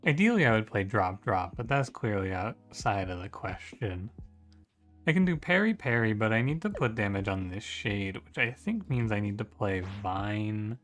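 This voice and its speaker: A man's voice: on the low side, animated, normal speed, a bit bright, soft background music. A man giving casual strategy game commentary, thinking aloud in a musing, conversational way and often correcting himself. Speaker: gaming streamer.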